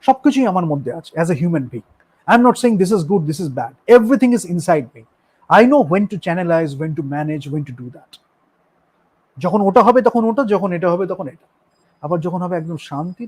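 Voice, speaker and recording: A man speaks in a reflective, coaching tone. His voice sits a little high and sounds husky. He stretches his English phrases out slowly and moves faster through his ones. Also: darkish tone, low-quality recording. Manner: shifts freely between slow, drawn-out English phrases and quick Bengali. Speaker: acting and voice coach. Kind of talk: reflective talk mixing Bengali and English.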